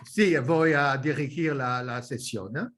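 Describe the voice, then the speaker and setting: A man's voice: medium pitch, a little slow, a bit bright. A man chairing an online session, chatting hesitantly over a video call with many restarts. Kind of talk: casual video-call chat before a session.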